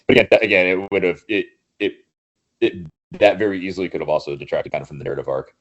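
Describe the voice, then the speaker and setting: A man with a very low voice talks through a film review on a podcast. He is thoughtful and hedging, and he restarts his sentences often. The sound is slightly dull and lo-fi. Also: quick pace. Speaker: podcast guest, Marine veteran. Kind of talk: casual film review chat.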